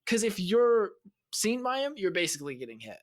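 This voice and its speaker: A man's voice: high-pitched, very animated, fairly quick. A man co-hosting a gaming podcast, explaining game mechanics analytically in casual chat. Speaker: podcast co-host.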